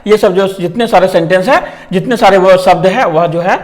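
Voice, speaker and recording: A man explaining a lesson to students in a halting way, with many repeated filler phrases and restarts. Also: high-pitched. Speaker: tutor.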